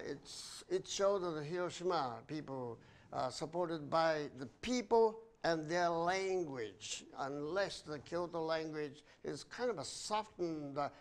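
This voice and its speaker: Gravelly, slightly high-voiced male interviewer. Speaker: interviewer and host. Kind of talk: bilingual interview, summarizing in English.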